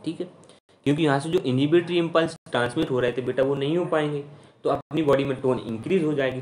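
Male lecturer, casual explainer tone, mid-range voice, keeps asking "okay?". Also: medium pitch. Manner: chatty teaching, constant "theek hai" check-ins; mixes English terms into Hindi speech. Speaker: physiology lecturer.

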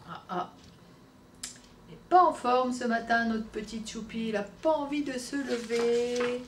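A woman's voice: fairly high pitch, a little slow, slight background noise. A woman reading a picture book aloud to young children in a playful, teasing storyteller manner, recorded with roomy echo from a distant mic.

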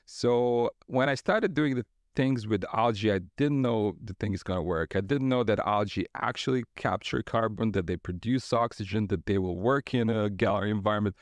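Laid-back man, fairly low voice. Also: moderate pace, few pauses, no echo. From Croatia. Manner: relaxed, rambling with frequent fillers and laughs. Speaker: guest artist. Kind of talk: casual interview talk. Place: studio.

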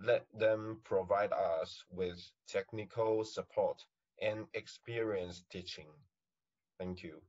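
A young man giving a student class presentation, reading slowly from his notes on a webcam. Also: sits low, steady tone, darkish tone. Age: young adult. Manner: slow, measured reading. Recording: dull lo-fi sound.

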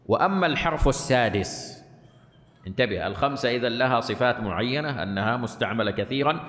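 A man's voice: medium pitch, animated, fast talker, a bit bright. A man giving a lecture on Quranic recitation as a sheikh. He reads a passage aloud, explains it, and keeps checking that his students follow. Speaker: sheikh teaching a study course. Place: large mosque hall. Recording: echoey hall with long reverb.

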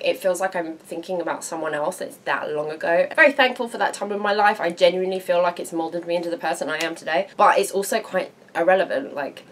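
A woman's voice: on the low side, slight background noise. Chatty sweary British woman vlogging. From England. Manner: chatty, frank and sweary, animated. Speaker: beauty vlogger. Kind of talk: casual chat to camera.

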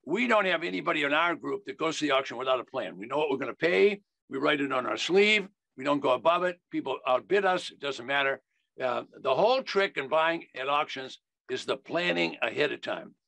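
On a video call, an older American man in his 70s delivers instructional sales talk about investing, folksy and emphatic, with key phrases repeated. He sounds a little high, expressive and fairly quick, gravelly and a bit bright. No room sound comes through.

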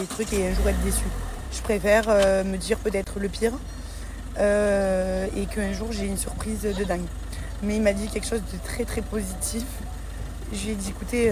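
A young woman vlogger and mother chatting casually to camera, repeating words and using many fillers. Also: mid-range voice. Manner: chatty, repeats words, fillers, warm toward her daughter.

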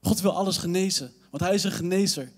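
Young Dutch youth pastor preaching in a hall. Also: male voice, high voice, quick pace. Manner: lively preaching, playful asides to the audience. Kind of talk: sermon. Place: church hall. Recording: long reverb of a church hall.

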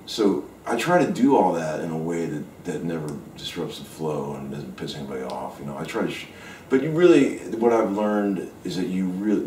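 A man's voice: a bass voice, dark tone, a little hiss or hum. A man who is a guest, talking casually and frankly in a home kitchen, rambling a bit and swearing now and then. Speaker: session guitarist guest. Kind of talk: casual interview talk. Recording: roomy kitchen sound from a distant mic.

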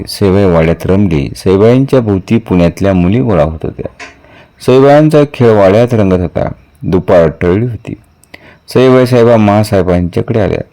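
A man reading a historical novel aloud in a measured, steady storytelling manner. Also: deep voice. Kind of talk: audiobook narration of a historical novel.

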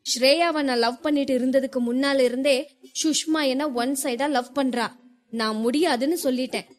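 A woman's voice: high voice, close to an everyday voice. Woman reading an angry young husband. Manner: clipped, forceful scolding. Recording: long hall reverb.

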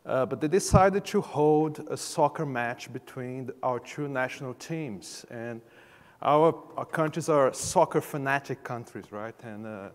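A man from Brazil introduces himself on a large conference stage in a friendly, chatty way, his talk sprinkled with fillers. His mid-pitched voice rings with the long reverb of the hall. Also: measured pace. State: jet-lagged. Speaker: conference speaker.

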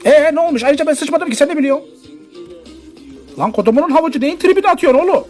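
A man's voice: very high-pitched, quick pace, darkish tone, faint music behind. A man voicing a whiny, mouthy, indignant schoolboy wizard in a comedy parody dub. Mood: whiny, defensive.

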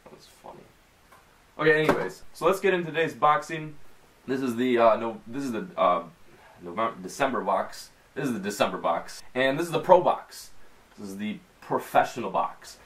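A young adult man with a Midwestern American accent chats casually while unboxing fishing tackle at the desk in his small bedroom. His medium-pitched, somewhat bright voice is expressive at normal speed, and his talk is full of slang and fillers, with slight background noise.

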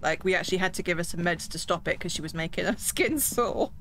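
A woman's voice: lowish voice, expressive, quick pace, fairly bright tone. A woman streamer chatting casually with friends while playing a ghost-hunting game, calling out readings and plans. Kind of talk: casual gaming chat.

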